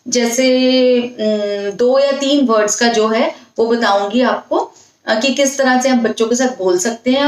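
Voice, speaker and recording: Brief: higher-voiced woman, patient lesson host, repeats points, recorded at a distance in an echoey room. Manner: patient, repetitive explaining. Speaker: English teacher. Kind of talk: casual spoken-English lesson. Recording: echoey room, mic set far off.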